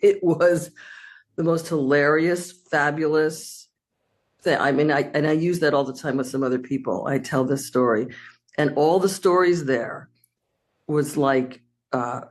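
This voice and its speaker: A woman's voice: low voice, steady tone, a little slow. A woman, a former student, thanking her teacher in a rambling, gushing way. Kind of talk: casual thank-you speech.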